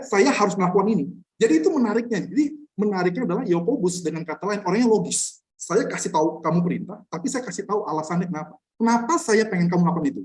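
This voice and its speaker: A man who is a pastor teaching a casual Bible study, blunt and full of rhetorical questions to his listeners. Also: high voice. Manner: chuckles between points. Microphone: online class recording.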